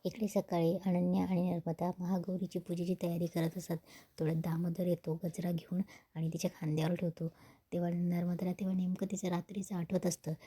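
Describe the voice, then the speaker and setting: A woman narrating a TV serial episode recap in steady storytelling. Her voice is very dark and fairly low with a flat melody. The recording is dry and close. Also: fairly quick, slightly rough. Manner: steady storytelling with repeated "then he says".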